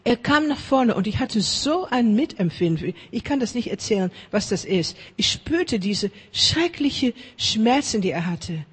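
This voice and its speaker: Husky woman preaching in a hall. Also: a little high, measured pace, few pauses. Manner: lively, chatty, checks in with the audience; slightly broken German grammar. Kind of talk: sermon.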